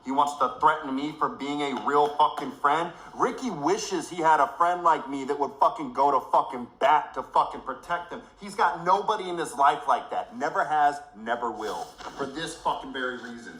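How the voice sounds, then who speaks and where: A man's voice: on the high side, moderate pace, few pauses, fairly bright tone. Furious swearing man, echoey room. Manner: heavy swearing, furious and emotional. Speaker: livestream host. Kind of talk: angry livestream rant.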